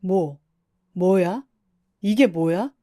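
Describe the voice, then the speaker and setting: A woman's voice: fairly low pitch, drawn-out words, mellow, no echo, clean studio sound. A woman voicing a pampered sister-in-law nearing forty who protests in a flustered, whiny way.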